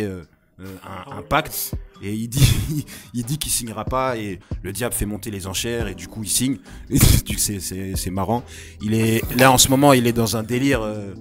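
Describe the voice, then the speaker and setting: A man's voice: lowish voice, fairly bright tone. A man hosting a casual group chat, talking with many hesitations and restarts, with faint music behind. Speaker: host.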